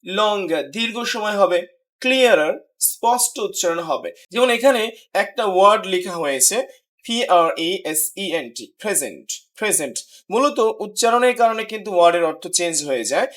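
A man teaching an English pronunciation lesson, explaining patiently and repeating example words slowly for practice. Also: high voice, lively intonation, fairly bright tone.

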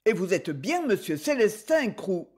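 A woman's voice: mid-range voice, very animated, unhurried, darkish tone, husky. A woman voicing a puzzled young man who stammers apologies and questions. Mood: flustered apologetic. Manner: hesitant, apologetic.

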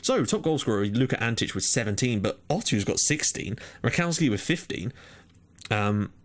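Excitable young Englishman commenting on his game. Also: medium pitch, normal speed. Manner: animated, swears, exclaims at the game. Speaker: gaming YouTuber.

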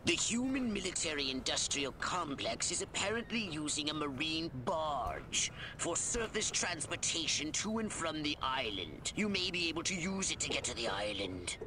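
Brief: a scheming alien commander giving mission orders, high and lively, game audio with heavy noise. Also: male voice, normal speed, hardly any pauses. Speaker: mission guide.

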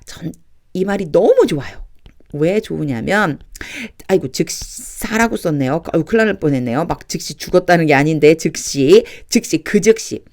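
A woman teaching a lesson on reading the English Bible, explaining grammar patiently and reading verses aloud slowly, phrase by phrase. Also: deep voice, lively intonation, a little mellow. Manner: patient, repeats and breaks sentences into chunks; reads English lines very slowly and deliberately.

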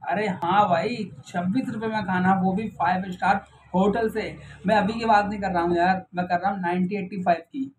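A young man chats animatedly to a phone camera held close in a small room. His voice sits a little high. A faint hiss of room noise lies under him. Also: a little fast, low-quality recording. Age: 20s. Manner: chatty, animated, loud opening hook. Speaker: vlogger. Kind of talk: casual news vlog to camera. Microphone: camera or phone in front of face.

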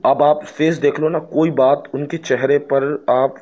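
A man's voice: fairly high pitch, steady tone, a little mellow, muffled recording. A man with a Pakistani Urdu accent teaching English in a casual spoken lesson, drawing out example sentences and joking between them. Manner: slow, drawn-out English example sentences, jokey asides.

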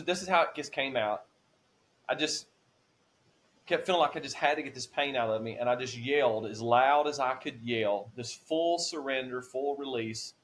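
A man in his forties on a podcast, telling a personal faith testimony with earnest feeling, his voice rising when he is moved. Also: mid-range voice. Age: 40s. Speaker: podcast guest. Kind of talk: emotional testimony.

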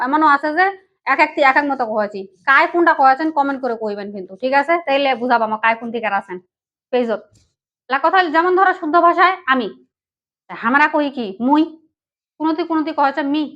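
A woman with a high, light voice and a Panchagarh regional Bengali accent chats casually to her viewers in a vlog. Her manner is friendly and direct. The recording sounds a little dull and lo-fi. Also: sharp tone. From Panchagarh, Bangladesh. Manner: chatty, addresses viewers directly. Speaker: vlogger.

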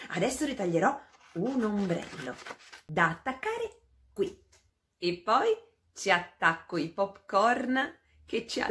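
A woman playing a cheerful, curious mouse girl who presents a children's puppet show, lively and exclaiming. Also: medium pitch, a little hiss or hum.

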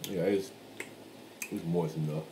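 A man chewing while talking, relaxed and easygoing in a casual mukbang chat with his wife at a home table. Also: low-pitched, unhurried. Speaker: husband and co-host. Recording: clear background noise, clinking cutlery.

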